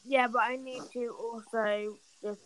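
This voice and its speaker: Female podcast co-host, high-pitched voice, blunt casual banter, noisy background. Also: steady tone, measured pace, fairly bright tone. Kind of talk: casual chat.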